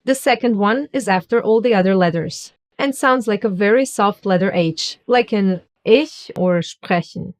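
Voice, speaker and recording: A woman narrating a scripted beginner language lesson, carefully demonstrating how words are pronounced. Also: medium pitch. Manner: slow, careful pronunciation demonstrations. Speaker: language teacher.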